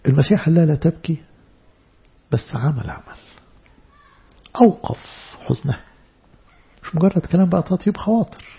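A man with an Egyptian Arabic accent preaching a church sermon, stressing words loudly and then dropping into soft asides. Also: a little high, animated, brisk, vocal fry, pauses often, breathy edge, muffled recording. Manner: emphatic, swinging between loud stresses and soft asides.

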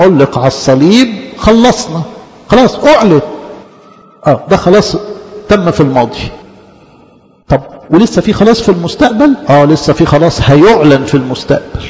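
An Egyptian priest with a high voice delivers a lively sermon, drawing out his key words and breaking into soft laughter. His voice rings with a long hall reverb, and the recording sounds muffled. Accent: Egyptian Arabic. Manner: animated preaching, stretching key words and laughing softly.

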